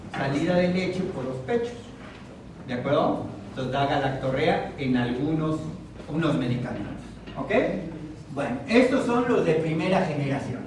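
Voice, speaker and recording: Mexican male doctor lecturing in a hospital room, high voice, mic far off, heavy echo. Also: a little mellow, slight background noise. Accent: Mexican Spanish. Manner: asks the audience questions, repeats key terms slowly. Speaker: psychiatrist giving a talk. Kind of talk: psychoeducation lecture.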